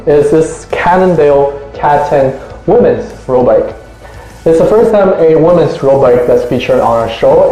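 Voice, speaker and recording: A man with a mellow, somewhat high voice hosts a review show in an upbeat, enthusiastic presenting style. His delivery is scripted and eager. The room adds a clear echo, and soft music plays underneath. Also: muffled recording. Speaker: host of a bike review show. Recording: roomy echo, faint music.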